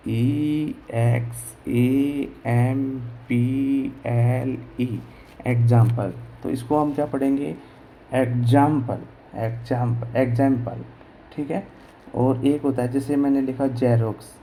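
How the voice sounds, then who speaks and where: In poor audio carrying a bit of hiss or hum, a man with a dark, medium-pitched voice gives a slow classroom lesson in Hindi on English pronunciation. He spells each word letter by letter and responds to his own questions along the way.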